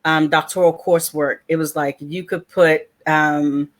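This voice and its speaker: A woman's voice: sits low, unhurried. A woman from Washington, D.C. hosting a casual panel chat, telling stories and acting out the quotes in them. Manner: animated storyteller, acts out quotes. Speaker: host.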